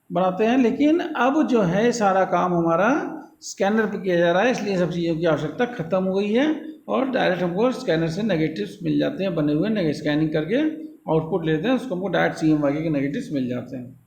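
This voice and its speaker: High-voiced lecturer in an echoey room. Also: male voice, darkish tone, a little hiss or hum. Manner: explains in Hindi, reads English definitions slowly. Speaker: polytechnic lecturer. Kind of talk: classroom lecture video.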